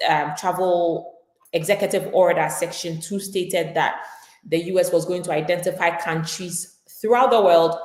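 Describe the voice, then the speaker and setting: A woman's voice: fairly low pitch, reverberant. A woman immigration attorney explaining legal updates on a live stream, talking it through with frequent fillers and restarts.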